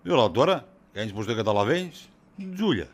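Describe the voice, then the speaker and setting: A man's voice: lowish voice, sing-song. A man playing a middle-aged friend in a comedy sketch, teasing in a joking way and cagey when questioned.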